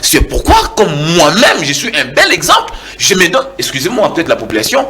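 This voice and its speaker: Bright and forceful, this fairly high-pitched man's voice swings hugely in pitch and moves a little fast. He's in his forties, from Kinshasa in DR Congo, speaking with a Congolese French accent as a heated guest in a TV political debate, repeating words to drive his point home.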